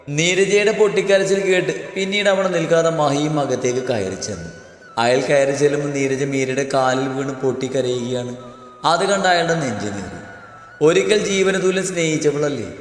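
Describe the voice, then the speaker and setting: A man narrating a dramatic story in a steady, measured reading. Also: mid-range voice. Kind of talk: scripted narration. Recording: roomy long reverb, faint music.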